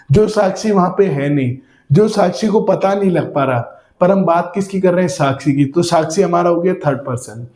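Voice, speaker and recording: Man teaching a class, high echoey voice. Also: warm tone. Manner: explains by asking questions and repeating examples. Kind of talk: classroom grammar lesson.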